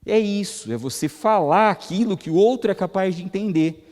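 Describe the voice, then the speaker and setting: Brazilian guy lecturing at a spiritist center, slightly high voice, chatty, keeps asking the room questions, long hall echo. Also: normal speed, darkish tone. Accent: Brazilian Portuguese. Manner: conversational, asks the audience rhetorical questions. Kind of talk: spoken lecture to an audience. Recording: reverberant hall.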